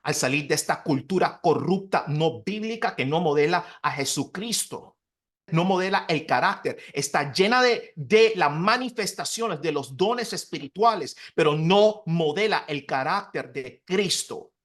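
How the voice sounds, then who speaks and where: Earnest soft-spoken pastor, man. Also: fairly high pitch, animated, measured pace. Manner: earnest, confessional, soft-spoken with emotional dips. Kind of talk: personal testimony in conversation.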